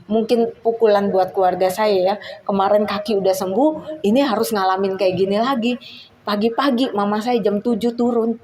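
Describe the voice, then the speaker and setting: A woman's voice: mid-range voice, steady tone, moderate pace, warm tone, poor audio. A woman giving a personal testimony at church, telling her story earnestly and acting out her prayers.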